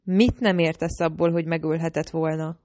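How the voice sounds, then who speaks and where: Egy nő, aki egy hangoskönyvben egy védelmező, parancsolgató, hirtelen haragú fiatal férfit szólaltat meg. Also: female voice, sits low, little pitch movement, a little mellow, no room sound, close to an everyday voice. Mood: stern. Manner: commanding, exasperated. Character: protective, bossy young man, quick to anger.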